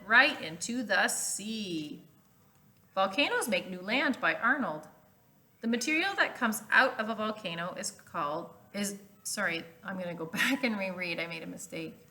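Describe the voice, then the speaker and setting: A woman reads a children's storybook aloud as a teacher would, using clear emphasis, explanatory asides and questions for her listeners. Her mid-range voice is bright and forceful.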